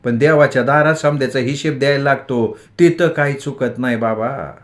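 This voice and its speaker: A man's voice: mid-range voice, moderate pace, natural voice. A man voicing an affectionate rural mother who scolds tenderly in village dialect, in a storytelling audiobook. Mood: coaxing, tender. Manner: coaxing, chiding village dialect.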